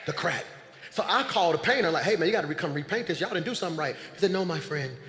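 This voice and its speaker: A man preaching a sermon as pastor, swinging between shouted calls and low confiding asides. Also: animated, rapid-fire. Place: large church sanctuary. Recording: echoey church hall.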